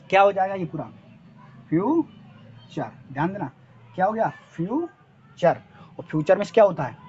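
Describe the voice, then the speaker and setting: A man whose voice sits high teaches a spoken-English lesson at a board, with dull audio and slight background noise. He has a Hindi accent, spells words letter by letter, and asks quiz questions that he answers himself.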